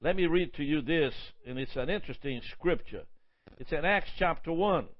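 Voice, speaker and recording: A man preaches a sermon in a high voice, stacking up long emphatic lists. He stumbles and repeats words as he goes. The recording sounds dull and lo-fi. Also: expressive, normal speed.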